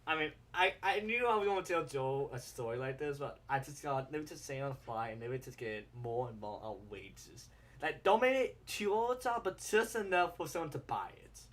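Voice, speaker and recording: A man telling a story in casual podcast chat, his voice a touch higher than most men's. He rambles, swears freely and laughs between lines. The talk is loose and unscripted. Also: expressive, fairly quick, fairly bright tone. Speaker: podcast co-host.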